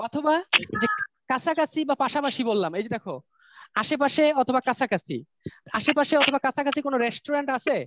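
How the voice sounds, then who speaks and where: A man's voice: very high voice, a little fast. A male schoolteacher with a Bangladeshi Bengali accent, teaching a classroom English lesson. He explains step by step and keeps quizzing his pupils. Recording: dull lo-fi sound with loud room noise.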